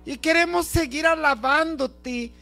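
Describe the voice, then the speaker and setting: This prayer leader has a high, sharp voice with vocal fry and speaks a little slowly. Against background music, the improvised devotional prayer is fervent, made up of short pleading phrases said over and over.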